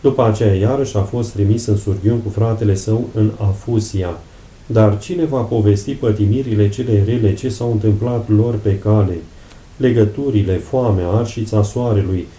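A man's voice: on the low side, dark tone, a little hiss or hum. Solemn man reading in an echoey room. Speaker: reader of saints' lives.

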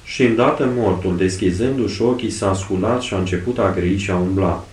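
A man reading a saint's life aloud in a measured, solemn recitation, recorded in an echoey room away from the mic. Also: low-pitched, a little mellow, far from the mic.

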